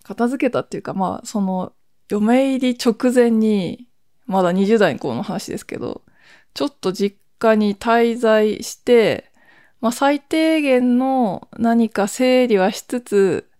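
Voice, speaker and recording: A woman's voice: fairly high pitch, expressive, slow, warm tone, no room sound, studio quality. A woman in her forties hosting her own podcast at home at night, chatting in a rambling way, laughing at herself and keeping her voice down. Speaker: podcast host. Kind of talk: casual solo chat.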